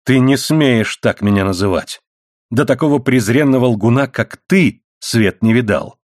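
A man reading the part of a furious, worn-down miner's wife with sharp, indignant retorts. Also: mid-range voice, unhurried, no room sound, studio quality, lightly acted.

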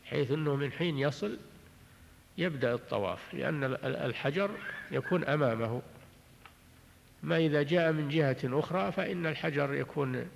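A man teaching a religious text in a measured way, often repeating and restarting his phrases and clearing his throat. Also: on the high side, slight background noise. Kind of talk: recorded lecture explaining jurisprudence. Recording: long hall reverb on an old tape.

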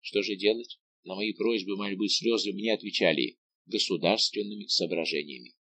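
Guy doing a young king torn up inside, earnest and anguished, low voice, dry sound. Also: moderate pace, gravelly, fairly bright tone, no echo. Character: young king torn between love and duty.

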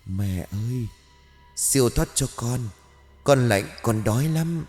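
A man's voice: mid-range voice, lively intonation, darkish tone, in a large hall, soft background music. Man voicing a wailing ghost child. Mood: pleading. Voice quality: thin, wailing and drawn-out. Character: ghostly dead child crying for his mother.

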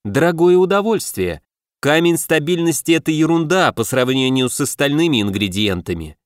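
A practical, wary young brother, voiced by a man reading an audiobook. His brisk, cautious questions come out with a lively, slightly raised pitch. The sound is dry and close. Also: no echo. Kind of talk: audiobook character voice.

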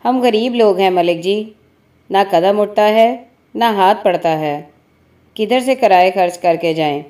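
A fretful, injured laborer man pleads in a low, mellow storybook voice, as a woman narrator puts him on. He sounds whining and put-upon, and his pitch stays in an ordinary middle range. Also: lightly acted. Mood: pleading.

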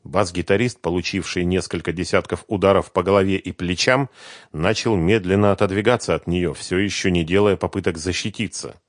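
A man reading an audiobook in a measured, expressive way. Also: low voice, no room sound, clean studio sound. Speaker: audiobook reader. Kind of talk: scripted audiobook narration.

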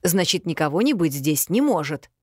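Brief: a woman doing an invisible male spirit, slow, grumbling, low-voiced storybook guardian. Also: big pitch swings, breathy edge, no room sound, studio quality, heavily acted.

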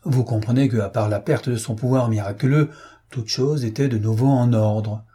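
A man reading a classic short story aloud in a measured, dramatic narration. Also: medium pitch, steady tone, warm tone, slightly rough. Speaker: audiobook narrator. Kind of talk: scripted literary narration.

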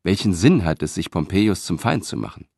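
A man's voice: low voice, big pitch swings, brisk, vocal fry, warm tone, full character voice. A man reading an audiobook, voicing a cautious, worried Roman who speaks with anxious doubt.

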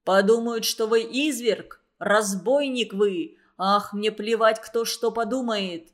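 A woman reading a storybook aloud and voicing an enraged older man who shouts in outrage. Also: fairly high pitch, slow pace. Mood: furious. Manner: shouting, indignant. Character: furious older man, roaring at the barber.

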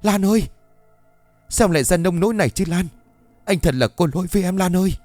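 A man voicing a drunken, hot-tempered young husband in a ghost story, shouting in a rushed, higher voice. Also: no room sound, faint music behind, lightly acted. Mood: wailing. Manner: loud, hurried and angry.

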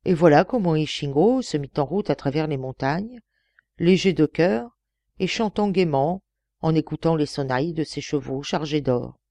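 A woman's voice: low voice, moderate pace, dry recording. Woman reading a storybook aloud. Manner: expressive storytelling. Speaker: audiobook reader. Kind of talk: audiobook narration.

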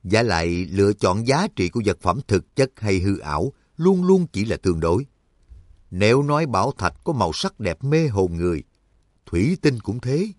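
A man's voice: lowish voice, sing-song, moderate pace, no echo, studio quality. A man voicing a smug, menacing villain who lectures others with self-satisfied contempt in an audiobook. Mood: smug lecturing. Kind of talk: audiobook character reading.

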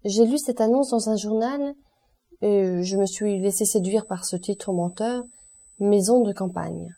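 A woman's voice: medium pitch, measured pace, dark tone. Woman reading an aloof, commanding count. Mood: cool, offhand. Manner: offhand, commanding. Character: aloof, wealthy, self-assured male count. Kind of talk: audiobook reading.

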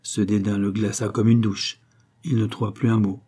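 A man narrating an audiobook of a novel in a measured, theatrical manner. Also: on the low side, flat delivery, mellow, husky.

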